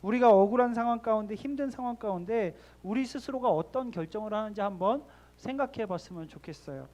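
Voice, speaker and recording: A man's voice: sits high, quick pace, a little mellow. A man giving a sermon to middle schoolers in a church, asking the young listeners direct questions and leading them in reading scripture aloud. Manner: leads the group in reading scripture. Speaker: youth pastor. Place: church sanctuary.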